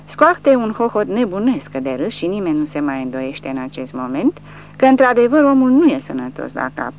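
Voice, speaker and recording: A woman reads a war novel aloud as an audiobook narrator, her fairly low voice rising and falling with the drama. The recording is dull and lo-fi, with a faint hum underneath. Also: very animated, faint music behind. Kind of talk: scripted narration.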